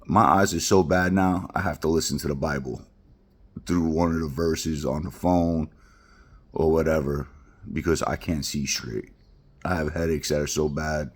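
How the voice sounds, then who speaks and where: A middle-aged vlogger from Queens, New York, with a very deep voice and fairly even intonation, delivers a rambling personal monologue at a moderate pace. He talks bluntly but from the heart.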